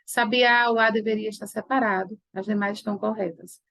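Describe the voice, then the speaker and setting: A woman's voice: medium pitch, steady tone, fairly quick, gravelly, fairly bright tone, no room sound. A Brazilian Portuguese teacher, a woman, going through exam answers and checking in with "tá?" and "né?". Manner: explanatory, tag questions tá and né. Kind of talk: exam correction lesson.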